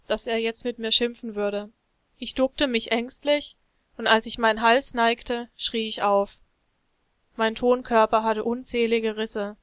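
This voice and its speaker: A woman's voice: fairly high pitch, clean tone, no echo. A woman narrating a first-person story as a clay jug, reading expressively.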